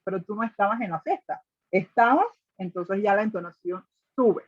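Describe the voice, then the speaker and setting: A woman's voice: mid-range voice, brisk, breathy edge, no echo. Woman teaching online, dry lo-fi sound. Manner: explains step by step, repeats examples, checks with "¿ok?". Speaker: English teacher. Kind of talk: online class explaining grammar in Spanish and English.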